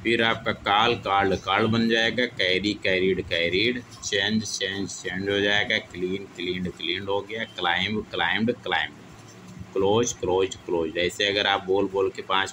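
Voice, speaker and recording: A man teaching English grammar in Hindi with a Hindi accent, repeating each verb form slowly in drill style. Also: sits low, steady tone, bright, forceful tone, slight background noise, rough recording. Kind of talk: classroom lesson reciting verb forms.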